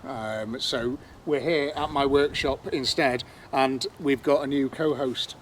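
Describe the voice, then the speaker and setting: A man's voice: mid-range voice, steady tone, slow, low-quality recording. Male podcast host, rambly, full of ums, outdoors, faint background hum. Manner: rambling, hesitant with many fillers. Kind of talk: casual chat. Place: workshop, outdoors in the sun. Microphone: clip-on mic.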